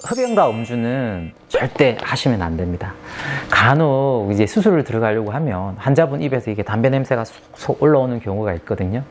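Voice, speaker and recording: Lively, emphatic man explaining as dentist. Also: mid-range voice, fairly quick, few pauses. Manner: emphatic, asks rhetorical questions. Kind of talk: patient aftercare explainer.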